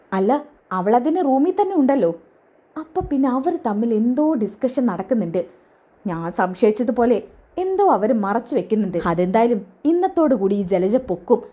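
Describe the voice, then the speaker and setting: A woman voicing a scheming, sharp-tongued middle-aged mother who mutters snide asides, in a retold serial story. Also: on the high side.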